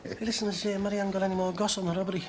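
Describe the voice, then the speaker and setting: A man's voice: high-pitched, level tone, very fast, natural voice. An actor playing a cheerful, cocky working-class man with a Liverpool accent, full of jokey banter. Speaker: best man. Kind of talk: TV soap acting.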